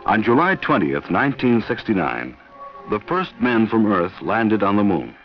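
A man reading scripted narration for a 1960s educational film in a formal, deliberate manner. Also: lowish voice, sing-song, soft background music. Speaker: documentary narrator. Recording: dull vintage film soundtrack, dry.

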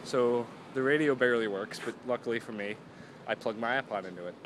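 A young man chats his way through a casual vlog in a parking lot. His voice sits at an ordinary pitch, and he rambles, mocks himself, and keeps losing his thread. Faint traffic hums behind him. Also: brisk. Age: young adult. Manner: chatty, rambling, self-mocking, trails off and restarts often. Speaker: vlogger. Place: outdoors in a parking lot beside parked cars.

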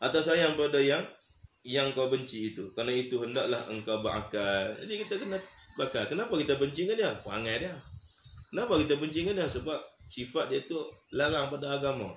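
A man's voice: mid-range voice, lively intonation, fairly quick, fairly bright tone. Ustaz guy, chatty sermon, roomy echo, faint hiss behind. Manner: conversational preaching with acted dialogue and laughs. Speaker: religious teacher. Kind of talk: Islamic lecture. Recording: echoey room with faint background noise.

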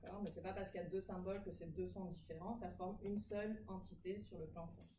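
A woman's voice: fairly low pitch, steady tone, quick pace. A woman teaching phonetics in a classroom, explaining rules patiently and often checking that students follow. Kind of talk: classroom lecture. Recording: echoey room, far from mic, background noise.

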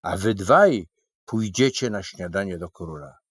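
A man's voice: low voice, animated, measured pace, slightly rough, no echo, full character voice. A man voicing a fussy little man from a storybook kingdom who calls out shrilly and emphatically. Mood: fussy, emphatic.

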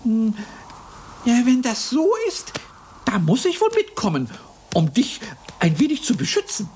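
A woman's voice: fairly high pitch, huge pitch swings, measured pace, darkish tone, a little hiss or hum. A woman voicing a timid, cowardly male hare in a puppet play, wailing and pleading in panic. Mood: reluctant.

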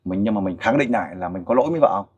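A man's voice: on the low side, rapid-fire, husky, dull audio. Coaxing Vietnamese man interviewer. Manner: coaxing, animated with the child. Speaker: host interviewer for a volunteer group. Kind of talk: casual interview.

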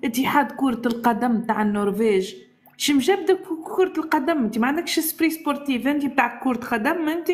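A woman calls into a live stream and talks rapidly in a higher-than-usual voice. She keeps up a mocking, teasing manner throughout. Her delivery is quick and needling. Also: expressive. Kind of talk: heated live stream debate.

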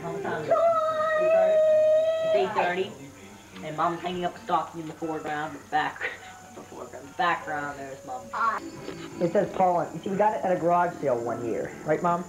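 A man's voice: fairly high pitch, wildly swooping pitch, brisk. A man narrating a family Christmas home video in a playful, joking way, heard on an old VHS tape. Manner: playful, joking asides to camera operator. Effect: old VHS home video tape sound. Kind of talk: casual home video commentary. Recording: echoey room, music behind.

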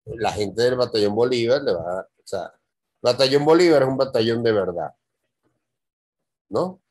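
A man's voice: mid-range voice, expressive, moderate pace, darkish tone, no echo. A man reviewing a student's screenplay, thinking aloud as he reads and stopping to fix details. His voice sits in an ordinary middle register. The recording is dry and close, with no room sound. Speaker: screenwriting teacher. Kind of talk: script review.

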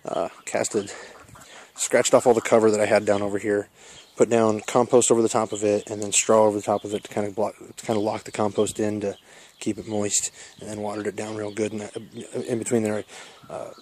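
Strolling his backyard garden with a handheld camera, an Iowa man who makes permaculture vlogs gives a laid-back, meandering tour full of fillers. He talks a bit fast in a lowish voice, with slight background noise behind him.

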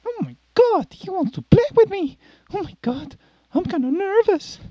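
A man voicing an excitable cartoon kid in a gushing, jittery manner. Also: extremely high pitch, moderate pace, no echo, muffled recording, voice pushed up.

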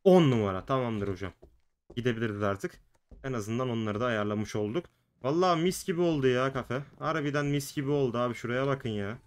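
A man's voice: mid-range voice, fairly quick, clear, resonant tone. A man hosting a gaming video, giving chatty, jokey let's play commentary and talking to the game's characters and his viewers.

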